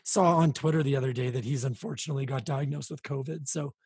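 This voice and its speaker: Gravelly, raspy male podcast host. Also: medium pitch, quick pace, a little mellow, no room sound, clean studio sound. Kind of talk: casual chat.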